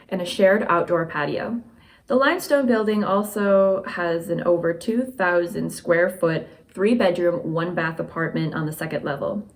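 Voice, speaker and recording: A woman presenting community news in scripted narration. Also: lowish voice.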